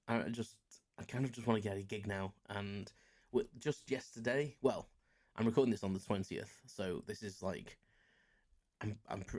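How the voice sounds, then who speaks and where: An English man of about forty hosts a solo podcast, chatting casually in a rambling, self-deprecating way with many fillers. His voice is on the low side, gravelly and darkish in tone.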